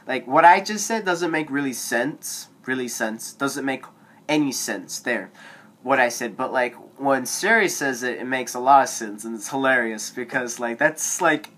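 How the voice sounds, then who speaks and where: A man's voice: mid-range voice, moderate pace, fairly bright tone. Teen boy vlogger on phone cam, rambling advice, filler-heavy, voice cracks at times. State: voice cracking now and then. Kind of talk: casual advice monologue to camera. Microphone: phone camera.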